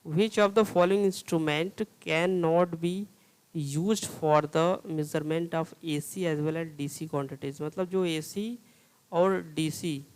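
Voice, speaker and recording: Man, lecture style, slow, clear smooth voice, reads questions then explains. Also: on the high side, poor audio. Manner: reads English questions slowly, explains in Hindi with repeated "theek hai". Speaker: teacher. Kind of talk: exam-prep lecture solving multiple-choice questions.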